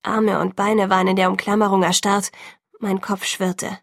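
Audiobook narrator, female; calm, measured first-person reading, slightly breathy, dry. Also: medium pitch, dry recording.

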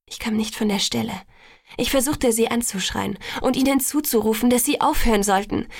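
Hushed, gravelly woman narrating a novel. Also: on the high side, a little fast, no room sound, studio quality. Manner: hushed, breathy half-whisper. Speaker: audiobook narrator. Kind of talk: first-person novel narration.

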